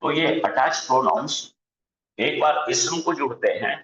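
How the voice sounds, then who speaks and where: A man teaching an online Arabic grammar lesson, slowly drilling word forms aloud on a video call. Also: medium pitch, animated, fairly bright tone. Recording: dull echoey room sound.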